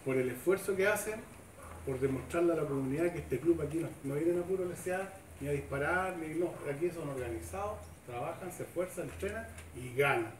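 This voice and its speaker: A man's voice: fairly high pitch, brisk. A middle-aged man with a Chilean accent gives a chatty, informal speech at a club event, often checking with the crowd. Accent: Chilean Spanish. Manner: chatty, folksy, seeking agreement with tag questions. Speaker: government official giving a speech. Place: open-sided covered sports shed, semi-outdoors. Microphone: far camera, no microphone. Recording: echoey shed heard from a distance, background noise.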